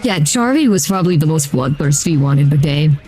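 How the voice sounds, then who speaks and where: A streamer chats casually through a voice changer while playing a video game, offering relaxed gameplay commentary that rambles along with plenty of "uh" and "like." The voice is mid-range and a little fast, with faint music in the background.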